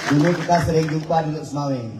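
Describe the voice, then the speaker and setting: Man, Acehnese accent, comic preacher, high voice, reverberant hall, far from the mic. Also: steady tone, fairly quick, over loud music, over a noisy crowd. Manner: joking, chatty, teasing the audience. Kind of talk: humorous Islamic sermon. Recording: echoey, distant mic.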